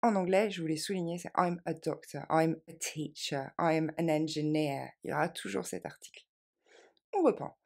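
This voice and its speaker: A French-speaking woman teaching English in a video lesson, modelling phrases slowly and clearly for learners to repeat. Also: low-pitched, a little mellow. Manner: clear, instructive delivery with drills.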